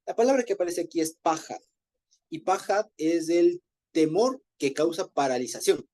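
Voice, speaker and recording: A man's voice: on the high side, moderate pace, mellow. A man leading an informal group Bible study, explaining Hebrew words in a conversational way and often rephrasing himself.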